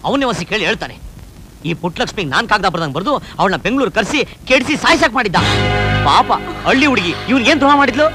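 A man's voice: high voice, low-quality recording. An actor playing a cheeky young village man in a film, talking. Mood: indignant. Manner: fast, cheeky, animated rustic talk. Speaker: village hero in a comedy film. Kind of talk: film dialogue. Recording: film soundtrack with music underneath.

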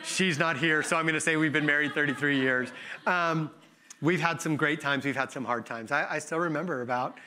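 Guest pastor, fifties, male; bright, slightly high voice; conversational sermon with restarts. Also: slight background noise. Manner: conversational, self-correcting, with quick laughs. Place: church sanctuary.

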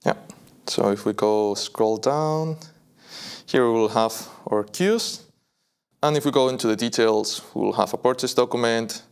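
In an indoor video studio, a young adult man presents a live walkthrough demo of a software product. His voice is medium-pitched.

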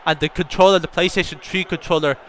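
A young man commentating his own gameplay, telling a story and bursting into excited shouts at the game. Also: on the high side, fast talker. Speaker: gaming YouTuber.

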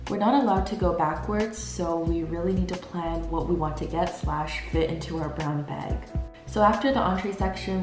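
A woman's voice: lowish voice, echoey room. A young woman in her twenties chatting casually to camera in an upbeat vlog, laughing often. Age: 20s. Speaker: vlogger. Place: small indoor room.

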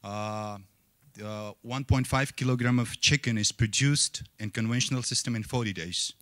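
A man's voice: medium pitch, moderate pace, a bit bright. A young man from Afghanistan, a student, asks a panel questions into a handheld mic in a conference hall, hesitating with many fillers. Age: young adult. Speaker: student asking questions from the audience. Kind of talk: audience question.

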